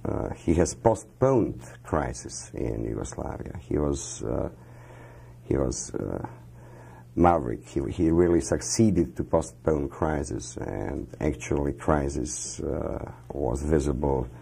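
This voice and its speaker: A Croatian-accented man in his fifties answers questions as a guest in a television studio interview. His rumbling low voice is dark and husky with vocal fry and lively intonation, and he speaks in a measured, halting way full of pauses and fillers.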